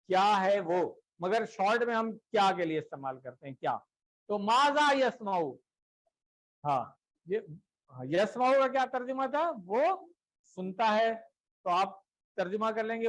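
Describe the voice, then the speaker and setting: High-voiced male teacher drilling a class. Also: rough recording. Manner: patient, checks understanding with repeated questions; slow, deliberate repetition of word lists. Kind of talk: classroom lesson drilling Arabic verb forms.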